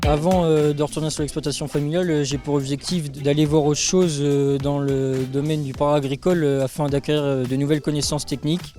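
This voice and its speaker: A man's voice: on the high side, flat delivery, brisk, few pauses, music in the background. A young man who studies agriculture, describing his course in a casual testimonial with frequent hesitations. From France. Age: young adult. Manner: hesitant, many fillers. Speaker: agriculture student.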